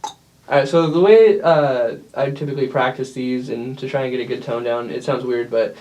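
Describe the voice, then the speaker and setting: A man who sings in a band, explaining a vocal technique in an informal, loose and halting way, as in a casual lesson. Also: medium pitch, darkish tone, a little hiss or hum, poor audio. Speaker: metal band vocalist giving a tutorial. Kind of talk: casual instructional chat.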